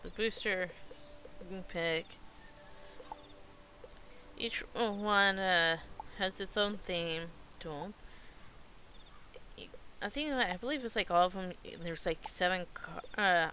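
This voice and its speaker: A woman live streamer giving casual game commentary in a hesitant, halting way, often searching for words. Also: on the low side, sharp tone, a little hiss or hum.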